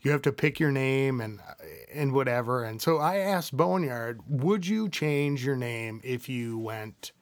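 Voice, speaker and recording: A man's voice: medium pitch, animated, measured pace, hardly any pauses, no echo. A man hosting a casual podcast, rambling with lots of fillers and restarts. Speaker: podcast host.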